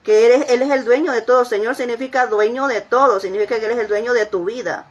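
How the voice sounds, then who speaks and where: Earnest woman pastor, slightly high voice. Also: quick pace, breathy edge, muffled recording. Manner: earnest, repeats phrases, asks listeners rhetorical questions. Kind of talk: sermon.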